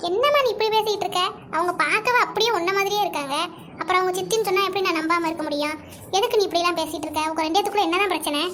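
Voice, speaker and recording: An earnest young college girl in a cartoon, voiced by a woman, pleads with her mother. Her voice is very high and bright. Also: rapid-fire, a little hiss or hum. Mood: pleading.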